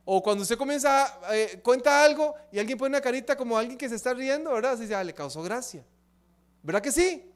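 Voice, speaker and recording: A man's voice: very high-pitched, fast. A man from Latin America giving a church seminar talk, often asking the audience rhetorical questions. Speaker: seminar speaker. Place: church hall.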